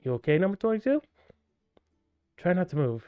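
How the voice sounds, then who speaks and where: A man reading aloud the lines of a caring young woman character in a video game, gently and plainly. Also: high-pitched, sing-song, brisk, clean tone, dry recording, highs cut off, faint music behind, pitched above the performer's own voice. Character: caring young woman friend who patches him up.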